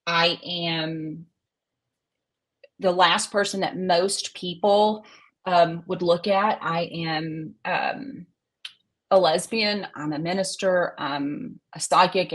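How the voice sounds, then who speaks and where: A middle-aged woman speaks in a fairly low voice. She is an interview guest telling personal stories, folksy and frank, often halting and putting herself down. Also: a bit bright. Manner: folksy, candid, halting and self-deprecating. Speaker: interview guest, psychic medium and minister.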